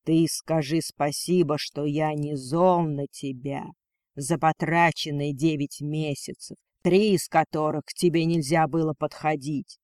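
A man voicing a cold, domineering male dragon lord in a storybook reading, speaking slowly and with contempt. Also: fairly high pitch, steady tone, a little mellow, dry recording, clean studio sound, lightly acted. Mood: contemptuous. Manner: slow, commanding, contemptuous.

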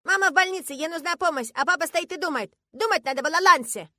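A woman's voice: extremely high pitch, fast, bright, forceful tone, no echo, voice pushed up. A woman voicing a stubborn, indignant five-year-old girl who insists like a strict little teacher.

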